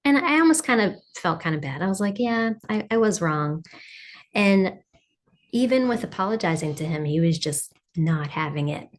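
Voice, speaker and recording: A woman's voice: lowish voice, lively intonation, normal speed. A woman talking casually and confessionally, telling a personal story in a chatty way and often quoting her own thoughts. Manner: chatty, frequent "like", quotes own thoughts and affirmations.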